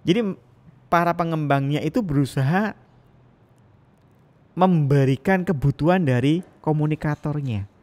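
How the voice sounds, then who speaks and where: A man giving a recorded lecture as a university lecturer. He speaks with energy and lets his intonation rise and fall. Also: fairly high pitch. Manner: energetic, rising and falling intonation.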